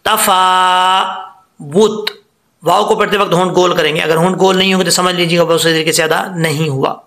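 A man's voice: fairly high pitch, fairly even intonation, fast talker, vocal fry, fairly bright tone, roomy sound. A man teaching Quran recitation rules, patiently explaining each letter and drawing out the example words to demonstrate them. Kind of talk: tajweed lesson.

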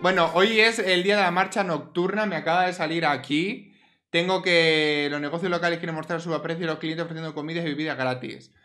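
A man commentating a life-simulation game, expressive and exclaiming, often scolding the characters. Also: a little high, fairly quick. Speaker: gaming YouTuber. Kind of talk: Sims let's play commentary.

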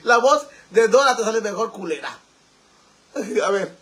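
Campy high-voiced Mexican man streaming. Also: sing-song, moderate pace, a bit bright. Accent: Mexican Spanish. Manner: flamboyant and campy, calls viewers "sisters", laughs often. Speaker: livestream host reading viewer comments. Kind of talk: casual livestream chat.

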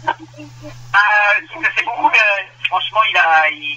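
A man's voice: high voice, sing-song, normal speed, dull audio, a crowd in the background. A man, a racehorse trainer, answering interview questions with many hesitations and restarts. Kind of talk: phone interview.

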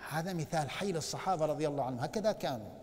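High-voiced man lecturing in a reverberant mosque. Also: lively intonation, rapid-fire, a little mellow. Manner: earnest teacher, rhetorical questions, mixes classical and colloquial speech. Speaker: university professor lecturing on the Prophet's biography. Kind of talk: religious lecture. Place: mosque hall. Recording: long reverb of a mosque hall.

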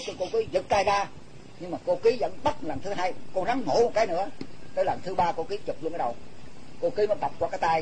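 Male storyteller, slightly high voice, loose repetitive telling, faint hiss behind. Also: a little mellow, low-quality recording. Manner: casual, repetitive retelling with restarts and acted quotes. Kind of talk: oral storytelling of religious anecdotes.

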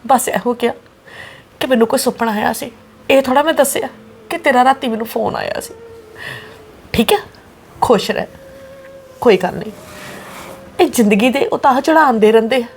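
A woman's voice: on the high side, moderate pace, gravelly, pauses often, a little hiss or hum. Woman playing a pleading Punjabi mother. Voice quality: tearful, pleading, earnest. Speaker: mother visiting her married daughter. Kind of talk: family drama acting.

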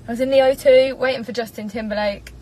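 A quick-talking English woman in her twenties, a singer on a live stream, chats from a parked car and reads viewers' comments into a propped-up phone. Her voice is fairly high yet darkish, with fairly even intonation and a chatty, giggly, bubbly manner. Audio quality is poor.

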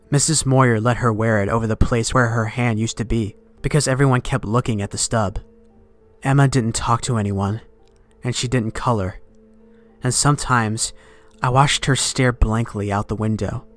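A man reading a horror story aloud in a measured voice that sinks to a hush at tense moments, with faint music behind. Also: mid-range voice. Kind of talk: scripted horror narration. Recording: dry close recording, faint music behind.

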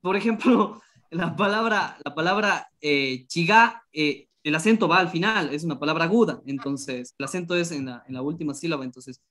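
A man's voice: fairly high pitch, moderate pace, fairly bright tone. A man, a student asking curious, enthusiastic questions in an online class over a video call.

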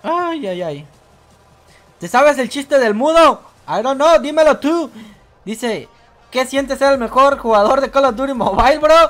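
Streamer host: Guatemalan woman, high pitched, playful teasing chat reader, soft music under her. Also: lively intonation, a little slow. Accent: Guatemalan Spanish. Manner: playful, teasing, keeps saying "bro". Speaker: livestream host. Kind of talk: casual livestream chat reading viewer jokes.

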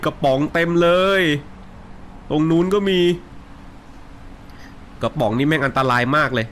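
A young man streaming a horror game into a desk mic, joking and swearing coarsely. His voice sits a little high, and faint ambient noise runs underneath. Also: a little slow. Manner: jokey, coarse swearing, loud yelps when startled. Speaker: gaming streamer. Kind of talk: casual let's play commentary.

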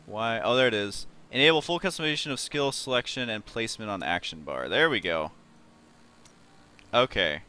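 A man giving casual, excitable and jokey gameplay commentary as he hosts a livestream. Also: lowish voice, moderate pace. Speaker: livestream gamer host. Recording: faint game noise behind.

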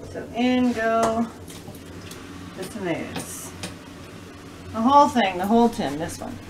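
A woman's voice: fairly high pitch, takes it slowly, noisy background. A middle-aged woman hosting a home cooking show, chatting through each step as she cooks in her kitchen. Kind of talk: casual cooking demonstration. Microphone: camera a few feet away. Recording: distant camera mic with kitchen clatter.

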